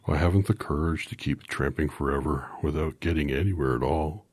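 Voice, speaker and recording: A man's voice: rumbling low, brisk, a little mellow, slightly rough, no room sound. A man reading aloud and voicing a timid lion who speaks with a whimper.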